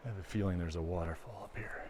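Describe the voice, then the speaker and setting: A man's voice: sits low, fairly even intonation, fast talker. A man casually narrating a nature walk outdoors by a babbling creek, musing in an easygoing, appreciative way. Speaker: host of walking videos. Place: outdoors on a forest mountain trail by a creek. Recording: clear outdoor nature noise.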